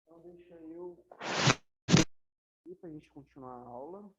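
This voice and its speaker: A woman's voice: low voice, a little slow, heavy background noise. Woman, Brazilian Portuguese accent, English teacher, classroom lecture, chatty, dull lo-fi sound. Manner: chatty, keeps checking with the class. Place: classroom, also streamed to students at home.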